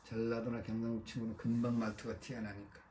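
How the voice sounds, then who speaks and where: A man's voice: mid-range voice, flat delivery, fast talker, mellow, a little hiss or hum, natural voice. A man reading an offhand young student.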